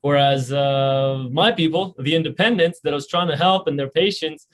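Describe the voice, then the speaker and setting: A man's voice: on the high side, normal speed. A man, a founder and CEO being interviewed on a podcast, talking earnestly with many restarts and filler words. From Romania. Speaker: health insurance company founder and CEO.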